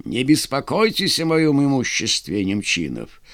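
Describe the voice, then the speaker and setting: A man's voice: medium pitch, huge pitch swings, unhurried, a bit bright, dry recording, full character voice. A man voicing a young, beardless Cossack officer who speaks in a spirited, confident way, recorded dry and close.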